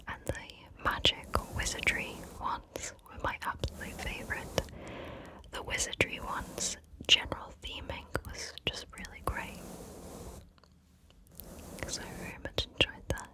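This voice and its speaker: Woman doing asmr chat, all whispered and breathy, really slow n gentle, right up on the mic. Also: poor audio. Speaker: ASMR host. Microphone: close microphone, ear to ear.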